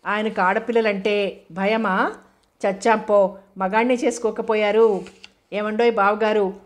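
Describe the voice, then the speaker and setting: A playful, talkative young woman lecturer who teases and tosses English phrases into her banter, read by a woman narrator. The delivery stays even and flat in pitch, at a middle height. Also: lightly acted. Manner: rapid, teasing banter mixed with English phrases.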